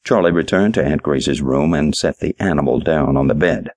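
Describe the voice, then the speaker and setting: A man narrating a short story in an audiobook, reading in a measured storytelling manner. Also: very deep voice, darkish tone, no room sound, clean studio sound. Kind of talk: scripted narration.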